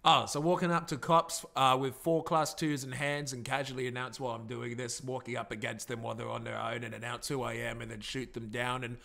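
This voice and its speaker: A man telling a wild story in character, excitable and swearing a lot, often bursting into shouts. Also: medium pitch, a little fast, creaky, few pauses.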